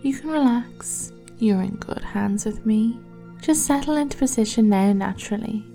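Soft, gravelly-edged whispering woman, dark tone. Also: fairly high pitch. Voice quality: soft, slow, soothing, often whispered. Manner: second-person guided imagery. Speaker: hypnotist. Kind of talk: ASMR hypnosis roleplay, massage guidance. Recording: soft music behind the voice. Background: faint music.

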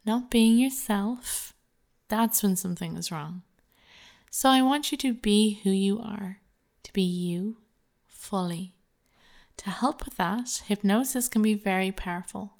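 Female hypnosis narrator, mid-pitched and gravelly with fry, measured, soothing and persuasive delivery. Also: darkish tone.

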